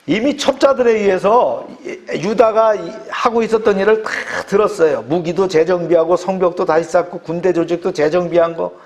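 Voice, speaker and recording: Male pastor, raised pitch, emphatic preaching with quick affirmations between points. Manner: emphatic preaching, punctuated by frequent short affirmations. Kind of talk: sermon.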